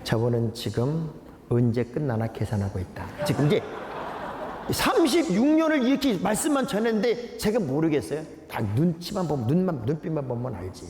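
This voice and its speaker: Animated older man preaching in echoey hall. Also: fairly high pitch, moderate pace. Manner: lively storytelling preacher, humorous anecdotes. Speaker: pastor. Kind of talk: sermon. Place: large church sanctuary. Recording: echoey church hall, faint noise.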